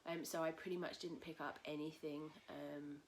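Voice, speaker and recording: A husky woman with a low voice chats through her knitting podcast in a loose, rambling way, full of fillers. She sounds a bit croaky from a cold. Faint noise and cockatoos carry in from outside her small home. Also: little pitch movement, moderate pace. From England. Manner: chatty and rambling, with many fillers. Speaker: podcast host. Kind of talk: casual knitting podcast chat. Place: at home in a tiny house. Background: cockatoos calling outside.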